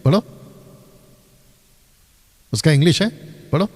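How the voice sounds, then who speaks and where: A man pastor teaching from the Bible in a live question-and-answer session. He talks in an animated way and keeps stopping the reader to explain. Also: a little high, slow, slightly rough, in a large hall.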